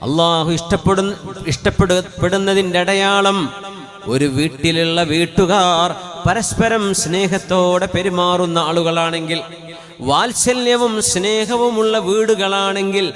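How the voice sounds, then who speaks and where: With faint music behind him, a male Islamic preacher speaks into a microphone in a high, steady, somewhat bright voice, a little slowly. His Malayalam sermon is conversational and full of questions, and he chants short Arabic phrases in a melodic tone.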